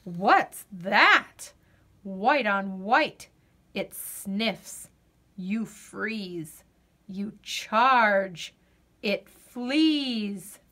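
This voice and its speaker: In a medium-pitched voice, a woman tells the story of a children's picture book aloud. Her delivery is soft and expressive, with purposeful dramatic pauses.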